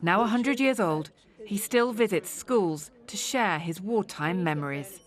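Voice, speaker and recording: A woman reporting as a royal correspondent, reading a scripted news report in a composed, measured way. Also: mid-range voice, animated.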